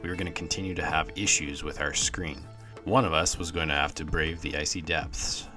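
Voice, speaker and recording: Male narrator, very low pitch, mock-dramatic scripted vlog storytelling over faint music. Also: steady tone, fairly quick.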